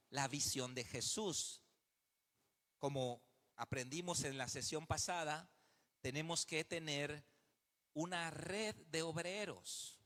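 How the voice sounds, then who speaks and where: A man's voice: a little high, a bit bright. A man from Mexico with a Mexican Spanish accent, a pastor teaching at a leaders' seminar, telling stories and explaining step by step. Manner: storytelling, acts out dialogue, explains step by step. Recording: reverberant hall.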